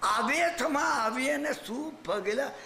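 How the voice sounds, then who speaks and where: Older guy preaching a story, really high bright voice, echoey room with light hiss. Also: expressive, slow pace, gravelly. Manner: keeps asking the audience if they understand. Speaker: Jain preacher. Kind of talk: sermon storytelling. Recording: roomy hall with faint hiss.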